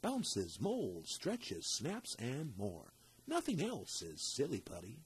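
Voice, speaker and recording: A man's voice: medium pitch, wildly swooping pitch, slow pace, slightly rough, heavily acted. A man playing a 1950s TV announcer in a kids science show spoof, reading sponsor ads in a punchy, sing-song delivery. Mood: salesy.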